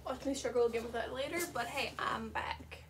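A woman chatting casually while unboxing, gushing and excitable, and a bit sniffly, swinging between squeals and soft murmurs. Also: fairly high pitch, fairly quick, gravelly, noisy background. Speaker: vlogger unboxing a fursuit.

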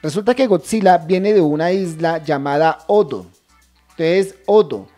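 Woman, English teacher, low voice, warm tone, slow careful English phrases, faint music behind. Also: lively intonation. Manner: repeats English phrases slowly and deliberately; addresses viewers as a group, checks understanding often. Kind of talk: screen-share language lesson.

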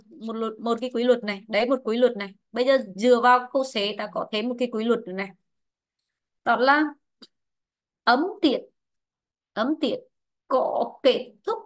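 High-voiced woman teaching an online English class. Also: a bit bright. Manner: repetitive, drawn-out explaining with frequent fillers. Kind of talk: online class explaining stress rules. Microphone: online lesson mic.

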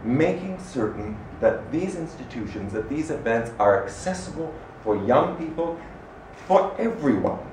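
A middle-aged man from Canada giving an animated, expressive public talk as an arts director in a small room. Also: mid-range voice, unhurried. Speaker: arts director speaking at a salon. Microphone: standing microphone. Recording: echoey room from far off, faint noise.

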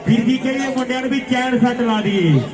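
A Punjabi man calls a rural kabaddi match in a frantic, repetitive way. His voice is extremely high and stays on one level, heard from far off through an echoing PA with a loud crowd around. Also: a little fast. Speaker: kabaddi commentator. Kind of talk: rural sports commentary. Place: outdoor village sports ground. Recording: distant echoey PA, loud crowd behind.

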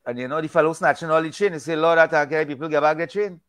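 On a video call from his home, an older Trinidadian man speaks as a discussion guest about faith, his webcam picking up a virtual backdrop. His voice is a little high, fast and fairly bright, and his folksy, rambling delivery keeps circling back to repeat words.

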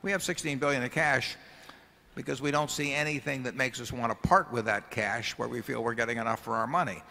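A man's voice: mid-range voice, fairly quick, creaky, sharp tone. An older man answering shareholder questions on a large arena stage at a table microphone, talking in a folksy, rambling way with many restarts. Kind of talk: casual conversational answers at a meeting. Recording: long hall reverb from arena PA.

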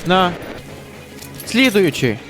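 A man's voice: high voice, big pitch swings, drawn-out words. A man giving casual let's-play commentary, chatty, swearing and joking to himself as he plays. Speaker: gaming channel host. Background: game music and gunfire.

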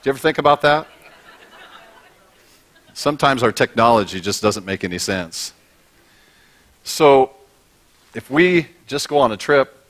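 A man's voice: mid-range voice, a bit bright. A middle-aged man, a pastor, preaching a conversational and humorous sermon on a large church stage, through a body-worn mic. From United States.

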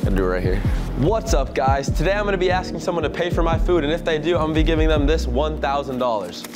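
A young man talking casually in a prank vlog, joking and laughing often with quick slangy talk, filmed on a handheld camera in stores and outside. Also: a little high, animated, loud music behind the voice. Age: young adult. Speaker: vlogger. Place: stores, parking lot and gas station, indoors and out.

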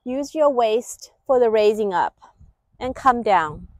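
On an outdoor lakeside paved terrace, a qigong instructor with a high, expressive, slightly mellow voice leads an exercise class. She gives step-by-step cues one short, clipped direction at a time, slowly. The recording is close and dry with no echo.

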